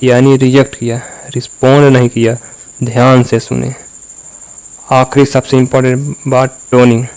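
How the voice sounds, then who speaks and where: A man's voice: medium pitch, level tone, moderate pace, a little mellow, clear, resonant tone, low-quality recording. A man giving a motivational talk, speaking straight to the viewer and acting out his examples.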